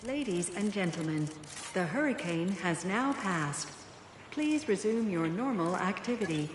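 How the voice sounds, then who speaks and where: A woman voicing a calm, formal park announcer heard over a public address loudspeaker in a video game. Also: lowish voice, a little slow. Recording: echoey with loud game noise.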